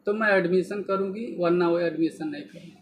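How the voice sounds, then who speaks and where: A man's voice: sits high, steady tone, a little fast, slight background noise, close to an everyday voice, rough recording. A man voicing a tearful woman teacher. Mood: sorrowful, earnest. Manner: pleading, tearful storytelling voice. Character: grieving woman teacher, firm and dignified.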